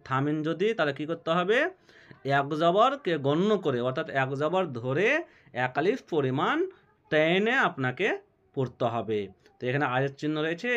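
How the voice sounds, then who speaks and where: A man teaching Quran recitation rules step by step, spelling out letters, then chanting verses slowly and melodically, and answering his own questions. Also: on the high side, fairly bright tone, lo-fi sound. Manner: asks questions and answers them himself, slow drawn-out melodic recitation.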